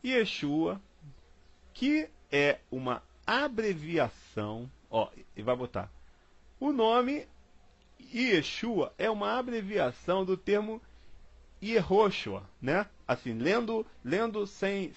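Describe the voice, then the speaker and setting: A man from Brazil gives a casual Bible study lesson at an unhurried pace, repeating himself and spelling words out letter by letter. His voice is fairly high and swings up and down a lot. The sound is dull and lo-fi, as if over an online call. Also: creaky.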